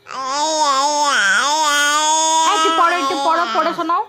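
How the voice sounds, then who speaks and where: A woman with a West Bengal Bengali accent, coaxing a small child at home in drawn-out, sing-song baby talk. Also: very high voice, steady tone, very noisy. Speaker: village vlogger. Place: home indoors during heavy rain.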